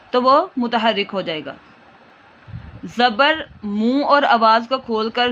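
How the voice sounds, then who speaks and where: A woman teaching Quran reading, speaking with a Pakistani Urdu accent and patiently drawing out each syllable in slow drills. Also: on the high side, a bit bright. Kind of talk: slow instructional recitation lesson. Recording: dull lo-fi audio, faint hiss.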